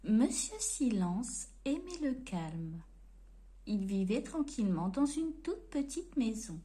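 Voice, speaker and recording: A woman reading a storybook aloud to children in an expressive, playful way. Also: fairly high pitch.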